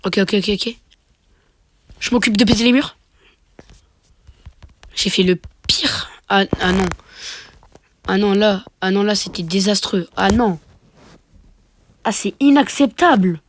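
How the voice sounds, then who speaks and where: A man with a cold, speaking in a high voice, sniffles while casually narrating his own match into a phone microphone. He talks slowly with frequent pauses, mixing half-whispered asides with mock boasts.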